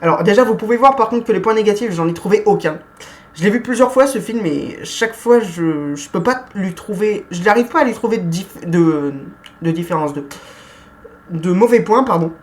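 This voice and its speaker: A woman giving a casual film review, chatty and hesitant, often pausing with fillers and correcting herself. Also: medium pitch, expressive.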